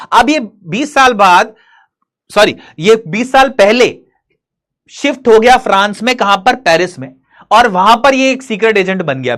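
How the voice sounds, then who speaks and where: A man teaching an English story to students, reading lines slowly and explaining them in Hinglish. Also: high-pitched, a bit bright. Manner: addresses students directly, asking and answering his own questions.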